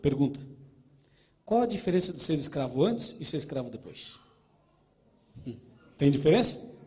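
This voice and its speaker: Animated Brazilian preacher. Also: male voice, on the high side. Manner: storytelling, emphatic, addresses the congregation. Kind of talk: sermon.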